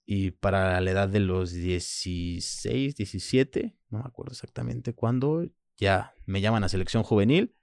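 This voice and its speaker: Being interviewed about his personal life, a man in his thirties whose native language was French speaks with a Mexican Spanish accent in a very deep, creaky, somewhat mellow voice. His thoughts come haltingly and reflectively, strung together with frequent "pues" and "¿sabes?". It's a close, dry recording with no sense of the room.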